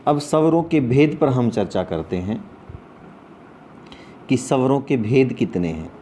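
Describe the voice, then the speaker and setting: Slow, patient Sanskrit teacher, man. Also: mid-range voice, big pitch swings, warm tone, a little hiss or hum. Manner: slow, repetitive, asks questions then answers them. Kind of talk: online class lecture.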